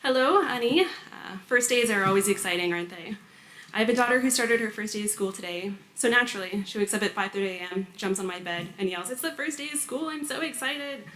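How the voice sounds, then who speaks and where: A woman's voice: medium pitch, quick pace, a bit bright, a little hiss or hum. A woman from Canada, a graduate student, giving a prepared and lightly humorous speech at an orientation. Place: large hall before hundreds of students. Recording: echoey hall.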